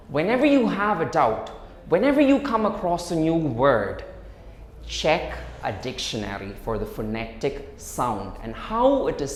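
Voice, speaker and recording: A man's voice: a little high, slight background noise. A man, an exam trainer giving encouraging, practical speaking tips straight to the viewer. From India. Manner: encouraging, addresses the viewer directly with practical advice. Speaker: IELTS trainer. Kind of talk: instructional talk to camera. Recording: echoey room.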